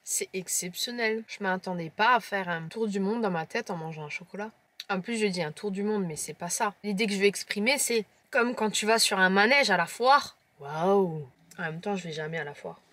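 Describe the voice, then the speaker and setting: A woman vlogger with a Lorraine French accent tastes chocolates on camera, describing them in a chatty, playful way and teasing her viewers. Her medium-pitched voice is brisk and fairly bright in this casual tasting vlog.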